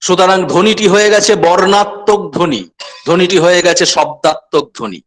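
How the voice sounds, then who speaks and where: A man from West Bengal giving a lecture to students, repeating key phrases and speaking to them directly in a measured, explanatory way. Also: sits high. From West Bengal, India. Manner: measured explanatory delivery with pauses. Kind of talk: online lecture.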